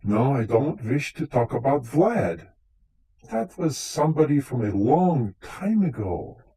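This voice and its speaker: A man's voice: mid-range voice, sing-song, unhurried, dark tone, slightly rough, full character voice. A man playing a vain, touchy, centuries-old vampire count in comic live radio theater, with a theatrical, formal way of talking. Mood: irritated, evasive. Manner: theatrical, dryly boastful, formal phrasing.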